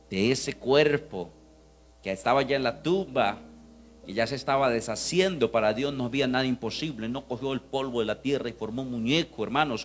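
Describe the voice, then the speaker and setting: A male pastor preaching a fervent sermon, swinging from hushed to loud and calling out to the congregation. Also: mid-range voice. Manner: calls out to the congregation.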